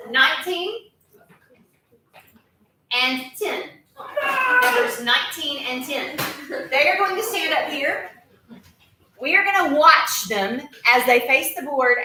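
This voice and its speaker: High bright teacher in an echoey classroom. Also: female voice, distant mic, slight background noise. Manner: playful, coaxing with children. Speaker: music teacher.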